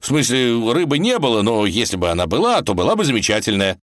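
Man voicing a hot-headed young tsarevich, defensive, argumentative, animated, dry close sound. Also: mid-range voice, quick pace, dry recording, voice pushed up, natural voice.

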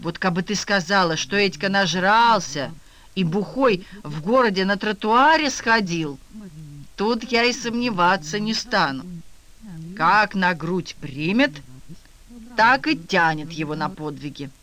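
A man's voice: high-pitched, expressive, a little slow, sharp tone, full character voice. A man doing a crude bossy village wife. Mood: blunt. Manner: blunt, bossy, slangy. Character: crude loud middle-aged village wife.

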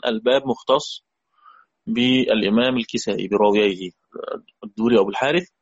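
A man's voice: medium pitch, highs cut off. A man with an Egyptian Arabic accent teaching a Quran recitation lesson, patiently repeating key points and putting questions to his students. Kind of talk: explanatory lesson.

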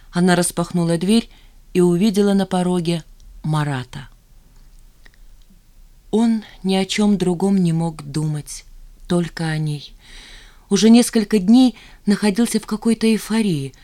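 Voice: medium pitch, darkish tone. Audiobook narrator telling a story. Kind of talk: scripted narration.

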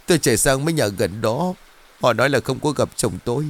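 A man voicing a desperate middle-aged woman who begs for help in a high, tearful voice. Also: animated, brisk. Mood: pleading tearful. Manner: tearful, pleading, high-pitched.

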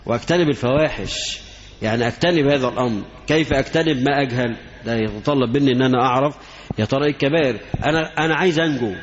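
A man with an Egyptian accent giving a religious lecture, repeating himself and asking rhetorical questions. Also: fairly high pitch. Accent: Egyptian Arabic. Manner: repetitive, asks rhetorical questions. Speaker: Islamic lecturer. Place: lecture hall. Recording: echoey hall, dull lo-fi sound.

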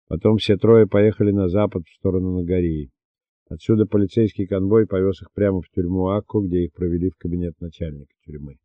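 A man reads a novel aloud in a measured, steady way. His voice is very low. The recording is muffled, with no room echo. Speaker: audiobook narrator. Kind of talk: scripted narration. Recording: dull dry lo-fi recording.

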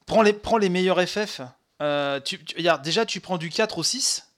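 A man co-hosting a casual podcast, with a high voice. He stumbles and restarts often, filling gaps with hesitations as he thinks aloud. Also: fairly bright tone. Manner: halting, many restarts and fillers, laughs. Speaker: podcast co-host. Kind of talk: casual chat about retro games.

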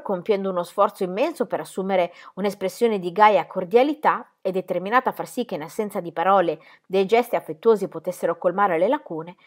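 Calm, measured, expressive, woman reading literary fiction aloud. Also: medium pitch. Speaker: reader of a novel. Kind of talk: literary audiobook narration.

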